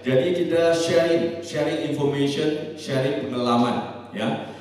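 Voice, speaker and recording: A man's voice: on the high side, unhurried, darkish tone. A man with a Malaysian accent gives a seminar talk, moving between Malay, Indonesian and English and dropping "ya" after his points. He sounds set back from the microphone. The hall around him rings with a long, heavy echo. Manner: mixes Malay, Indonesian and English, frequent "ya" tags. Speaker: seminar speaker. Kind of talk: conference presentation. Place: large hall. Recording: echoey hall from far off.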